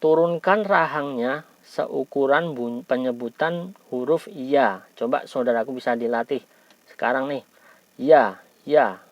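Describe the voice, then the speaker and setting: An Indonesian man teaching a recitation lesson, over-enunciating sounds and syllables with deliberate emphasis in a patient, encouraging way. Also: mid-range voice, no room sound, highs cut off. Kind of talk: instructional tajwid lesson.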